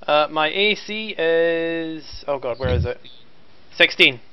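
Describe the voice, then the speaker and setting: A man's voice: a little high, expressive, slow, highs cut off. A man playing a tabletop role-playing game, chatting casually with the group. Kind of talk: casual chat.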